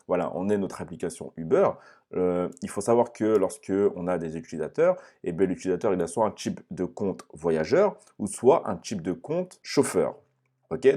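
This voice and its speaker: A young man giving a step-by-step screen-share software lesson, often pausing to check in with "ok?". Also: low voice, breathy edge. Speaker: online course instructor.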